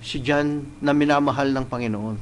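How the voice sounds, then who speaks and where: A male preacher delivering a live church sermon. He mixes Tagalog and English, often checks in with "no?", and reads scripture slowly and deliberately. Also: medium pitch, steady tone, slight background noise, poor audio. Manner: switches between Tagalog and English, tagging points with "no?". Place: church service, streamed live.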